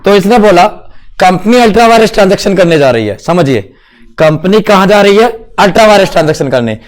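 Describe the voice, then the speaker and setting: A man's voice: high voice, animated, a little fast. A man teaching a class, playful and quizzing his students as he explains, mixing in English terms. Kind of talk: classroom lecture.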